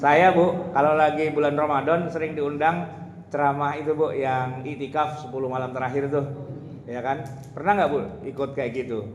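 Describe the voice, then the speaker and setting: A man delivers a loose, humorous religious talk, often laughing and addressing his listeners directly. His voice sits slightly high. It rings through a large, reverberant hall over constant background noise. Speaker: Islamic preacher. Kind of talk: informal religious lecture. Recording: echoey hall with loud ambient noise.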